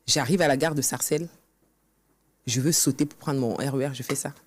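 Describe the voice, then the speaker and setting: A woman with a bass voice speaks fairly quickly, a guest author telling her own story in an interview recorded on a podcast studio set. She comes across as earnest, voicing past conversations as she goes.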